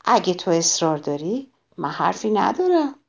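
A woman voicing a calm, kindly ladybug. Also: high voice, voice pushed up. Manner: calm, gentle and even. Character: good-natured calm ladybug, small and friendly.

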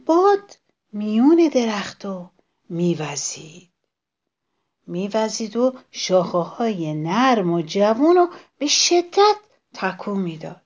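A woman narrating a children's story, expressive and speaking directly to the children listening. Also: medium pitch.

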